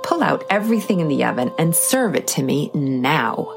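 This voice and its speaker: A woman voicing a sly, ravenous old witch who speaks gruffly and gives orders with mocking menace. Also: low-pitched, very animated, moderate pace, over music, full character voice. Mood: commanding. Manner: commanding and mocking.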